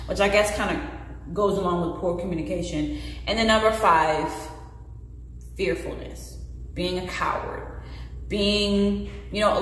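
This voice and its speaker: A vlogger in her late twenties talks openly and earnestly in candid personal vlog talk, expressive and gesturing with her hands. Her voice sits at an ordinary middle pitch. Captured by the camera's own mic, it rings around a bare, very echoey room with a long reverb tail and slight background noise.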